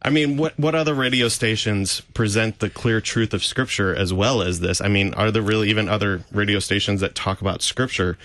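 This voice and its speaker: Low-voiced radio host. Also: male voice, brisk, hardly any pauses, a bit bright, no room sound. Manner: conversational, many fillers and restarts. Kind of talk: radio talk show discussion.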